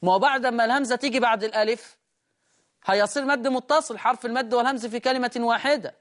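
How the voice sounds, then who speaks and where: An Egyptian-accented man teaches in a calm, explanatory way. He repeats each word slowly to show how it is read, then carries on at a plain conversational pace. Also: extremely high pitch. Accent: Egyptian Arabic. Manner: patient, repeats words to demonstrate readings. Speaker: Quran teacher hosting a call-in lesson.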